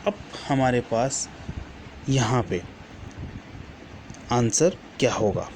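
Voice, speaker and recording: Male teacher, unhurried and patient, mid-pitched voice, repeats words twice, faint hiss behind. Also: expressive, darkish tone. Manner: patient, repeats each word list twice; corrects himself mid-sentence. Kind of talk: classroom lesson.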